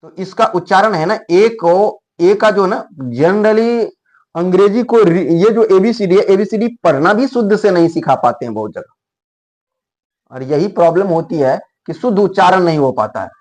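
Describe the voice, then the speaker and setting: A man with an Indian accent teaching English pronunciation, sounding out letters slowly and correcting himself as he goes. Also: high-pitched, darkish tone. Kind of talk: classroom pronunciation lesson.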